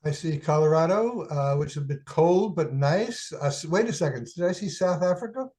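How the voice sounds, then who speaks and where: A man's voice: a little high, lively intonation, normal speed, darkish tone. A man with a New York accent co-presenting a webinar, joking and reading out attendee locations over a video call. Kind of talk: casual chat.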